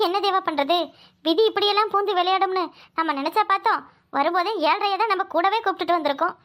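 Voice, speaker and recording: A woman doing a shrill, scheming cartoon aunt. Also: fairly bright tone. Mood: mocking. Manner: brisk, mocking and dismissive. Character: scheming middle-aged aunt, sharp-tongued and smug.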